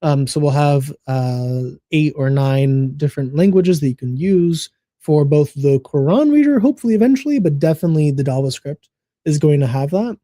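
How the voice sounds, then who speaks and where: Man with a mellow, fairly high voice. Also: animated, normal speed, dry recording, studio quality. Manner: laughs often, talks through fillers. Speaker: co-host answering chat comments. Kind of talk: casual livestream chat.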